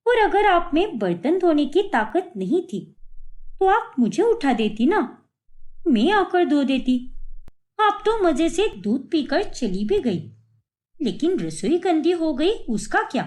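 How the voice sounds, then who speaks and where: A woman voicing a tidy, sharp-tongued young daughter-in-law in a cartoon story, speaking in a lecturing manner. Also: high voice, big pitch swings, slow pace, full character voice. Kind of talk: cartoon voice acting.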